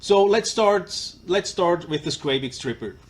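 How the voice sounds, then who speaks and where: A man with a broad Swiss German accent giving an informal live product presentation, speaking in a halting, hesitant way. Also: high-pitched, lively intonation. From Switzerland. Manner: halting and hesitant, apologetic non-native English speaker. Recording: live stream with clear background noise.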